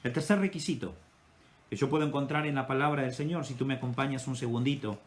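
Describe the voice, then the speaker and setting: A male pastor with an Ecuadorian Spanish accent preaching a sermon with impassioned delivery, his loudness rising and falling. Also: medium pitch, fast talker.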